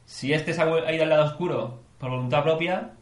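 Man, casual podcast co-host, excitable, curses freely, roomy echoey sound. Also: fairly high pitch, fast. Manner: excitable, swears, weighs ideas aloud. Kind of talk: casual chat.

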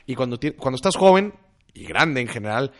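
A man's voice: medium pitch, big pitch swings, fairly quick. A young man with a Mexican accent, a finance author chatting casually as a podcast guest, slangy and emphatic as he ticks off points.

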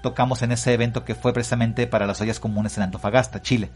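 A Mexican man talks quickly and at length as a radio guest, filling pauses with "pues" and "este". His voice sits at an ordinary pitch. Faint music plays behind him. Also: steady tone. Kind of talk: casual radio interview.

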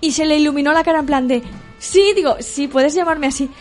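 A young woman in casual podcast chat, animated and laughing as she tells school stories and acts out the dialogue. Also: high-pitched, fast talker, faint music behind.

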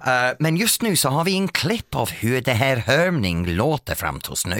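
Male radio host, playful and chatty, very animated delivery, dry studio sound. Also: mid-range voice, no room sound. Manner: playful, chatty, self-mocking. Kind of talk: casual radio chat.

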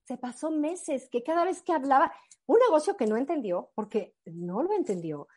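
A woman giving a motivational talk, telling a personal story in an animated, earnest and emphatic way. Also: high voice, moderate pace. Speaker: motivational speaker.

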